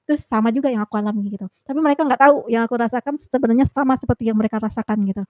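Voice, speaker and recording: A woman's voice: on the high side, very fast, a little mellow, dry recording. A young woman vlogger telling a personal story in a casual, rambling way with many fillers.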